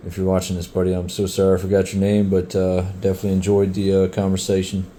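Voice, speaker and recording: A man's voice: sits low, completely flat delivery, fast, dark tone, a little hiss or hum. A middle-aged man chatting casually in a vlog about his hike, talking laid-back with many fillers. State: out of breath. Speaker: hiker and vlogger. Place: outdoors on a trail.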